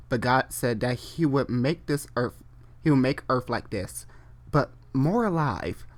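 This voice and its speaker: With a mid-range voice, a reader and host gives a comedic dramatic reading of amateur online fiction, theatrical and unfiltered, breaking off for casual asides and re-reading phrases they stumble over.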